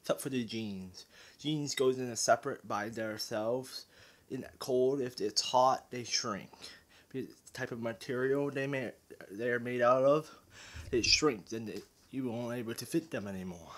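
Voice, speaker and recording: A man vlogging casually to the camera, rambling and hesitant with restarts, somewhat out of breath, recorded on a handheld camera mic. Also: medium pitch. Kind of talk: casual vlog talk to camera.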